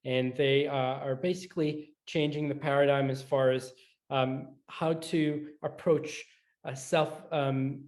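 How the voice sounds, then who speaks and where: An orthopedic surgeon appears as an interview guest, a middle-aged man born in Scotland who moved to the US in high school. His mid-range pitch stays quite flat, and he speaks in a measured, conversational way, pausing often while he shapes his answers.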